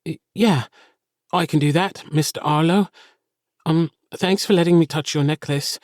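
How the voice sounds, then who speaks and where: A timid little boy stammers out his words, higher than a grown man's voice. A man acts him out in an audiobook. The recording is dry and close. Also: measured pace, a little mellow, no room sound, lightly acted. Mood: shy. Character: shy, eager little boy.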